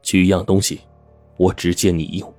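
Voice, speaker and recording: A man voicing a wounded, scheming man who speaks in a low, quiet, persuasive way. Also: flat delivery, brisk, no echo, soft background music, natural voice. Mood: calm.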